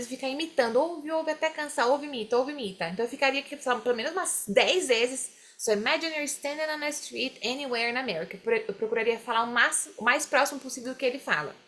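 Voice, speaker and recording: A woman teaching English, explaining phrases slowly and having students repeat them. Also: fairly high pitch, a bit bright. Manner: drills phrases slowly, mixes English lines into Portuguese explanation. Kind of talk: classroom explanation.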